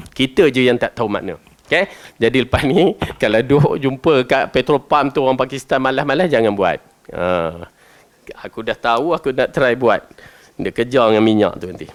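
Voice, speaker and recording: A man with a Malaysian Malay accent teaching a Quran commentary lesson, chatty and animated, often asking his listeners questions. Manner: animated, jumps between loud stresses and low asides. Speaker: religious teacher.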